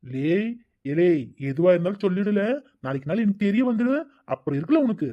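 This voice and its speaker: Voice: mid-range voice, sing-song, fairly quick, close to an everyday voice. A voice actor playing a protective, caring elder brother in a cartoon, coaxing and soothing. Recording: dull lo-fi recording.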